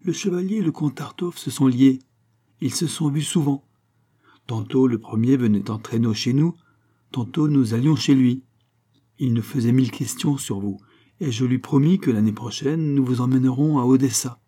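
A man reading an audiobook, voicing a poised countess who confides a family story in a lively, slightly raised voice. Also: mid-range voice, moderate pace, lightly acted. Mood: confiding. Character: countess Baccarat, a poised woman telling a story.

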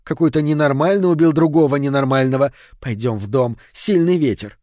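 A man voicing a calm wife who speaks in a cool, matter-of-fact way. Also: medium pitch, brisk, dry recording, studio quality, close to an everyday voice. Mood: dismissive. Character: calm, dismissive wife, a woman.

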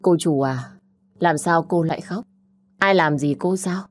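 A woman narrator voicing a gentle, respectful older male family driver. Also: on the low side, unhurried, no room sound, clean studio sound.

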